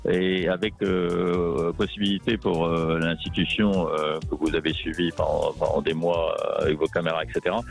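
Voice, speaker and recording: A man's voice: low voice, little pitch movement, moderate pace, gravelly, few pauses, faint music behind. A man who works as a documentary journalist, speaking as a guest in a radio debate in a studio, hesitant and full of restarts. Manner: hesitant, many restarts and fillers.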